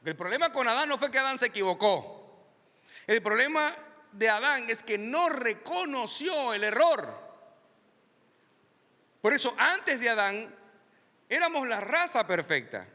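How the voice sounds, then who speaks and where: A pastor preaches emphatically in a high, bright, forceful voice that swings widely in pitch, slowing down, rising, and stretching out key phrases. His sermon is heard with a long hall reverb.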